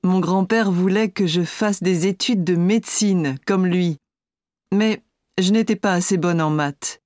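A woman playing an architect in a scripted listening-exam interview, speaking clearly and steadily. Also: on the low side, measured pace, a little mellow, no echo, studio quality, close to an everyday voice. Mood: calm. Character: adult woman architect, friendly and composed.

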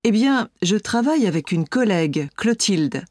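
A woman's voice: mid-range voice, very animated, moderate pace, darkish tone, no echo, clean studio sound. A woman playing a composed architect. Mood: calm. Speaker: architect being interviewed. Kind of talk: scripted exam listening dialogue.

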